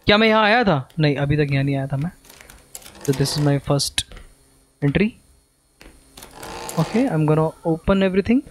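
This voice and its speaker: A man's voice: fairly high pitch, a little hiss or hum. A young man giving casual commentary while playing a horror game, switching between Hindi and English, jumpy and swearing. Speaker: gaming streamer.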